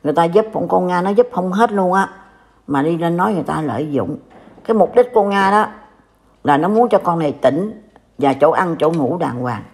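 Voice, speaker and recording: Older southern vietnamese lady scolding someone online, gravelly fry in her voice. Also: fairly low pitch, expressive, normal speed, a little mellow. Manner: scolding, reproachful. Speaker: commentator. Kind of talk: casual online talk.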